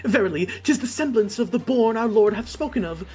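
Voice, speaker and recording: A reader voicing an excitable sheep girl who speaks in old-fashioned thee-and-thou phrasing. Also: on the high side, a little fast, slightly rough, faint music behind, pitched above the performer's own voice. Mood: awed excited.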